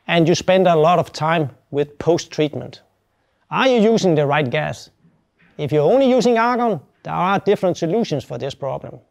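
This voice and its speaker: Wearing a lapel mic, a man in his fifties delivers a straightforward, step-by-step product tutorial as a welding specialist. His voice runs on the high side, with vocal fry.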